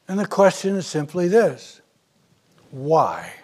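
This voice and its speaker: A male pastor delivers a sermon in an unhurried, deliberate rhythm. His voice sits a little higher than most men's, and he leans into key phrases with earnest emphasis. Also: sing-song, a little mellow. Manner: slow, earnest preaching with emphatic rises.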